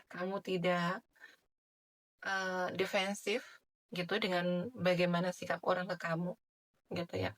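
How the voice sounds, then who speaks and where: A woman giving a general tarot reading in a soft, chatty way, with many filler tags. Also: fairly low pitch. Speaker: tarot reader.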